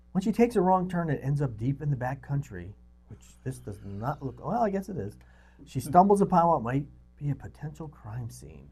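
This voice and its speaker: A movie review show co-host with a fairly high, husky voice chats casually and unscripted, rambling about films and reading synopses aloud. Now and then he mutters asides along the way.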